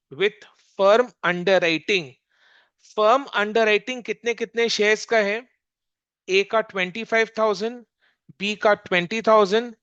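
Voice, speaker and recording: A commerce teacher giving a recorded accounting lesson, working through a problem slowly and repeatedly quizzing the listener. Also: mid-range voice, fairly bright tone, smooth, dry recording, dull audio. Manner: slow, repetitive, quizzing the listener.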